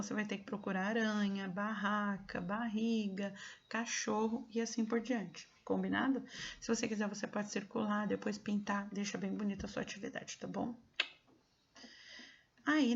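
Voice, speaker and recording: A woman teacher with a Brazilian Portuguese accent, walking young children through a worksheet, patient and slow, checking often that they follow. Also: medium pitch, darkish tone, dull audio. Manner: patient, explains slowly with many check-ins. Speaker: schoolteacher. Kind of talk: remote lesson walkthrough for young pupils.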